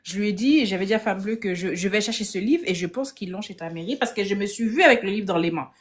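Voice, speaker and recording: A woman telling a story casually on a live video stream from her phone. She speaks with lively energy, keeps restarting her phrases and acts out the lines of the people in her story. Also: medium pitch, fast talker. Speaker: guest on a live discussion.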